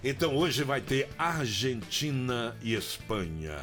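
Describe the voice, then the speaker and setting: A man's voice: mid-range voice, big pitch swings, takes it slowly, music in the background. A man with a Brazilian Portuguese accent hosting a live morning radio show, joking and teasing his co-hosts. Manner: playful, teasing, loud and joking. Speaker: radio host. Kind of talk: casual live radio banter.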